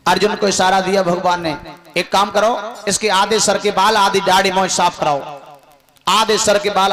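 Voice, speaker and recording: High-voiced devotional storyteller. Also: male voice. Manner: dramatic, addressing devotees. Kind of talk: sung and spoken scripture narration. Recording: music playing behind.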